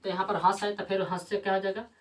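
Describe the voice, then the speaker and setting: A woman's voice: medium pitch, little pitch movement, fast talker, recorded from a distance. A woman teacher gives a grammar lesson. She keeps asking questions and answering them herself, with frequent tag questions.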